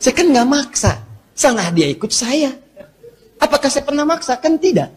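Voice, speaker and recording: A sly coaxing devil, as a preacher puts him on. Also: male voice, very high voice, very animated, moderate pace, some chatter behind, a little hiss or hum, voice pushed up. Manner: coaxing, wheedling, then shrugging off blame. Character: sly whispering male devil, tempter. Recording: long hall reverb.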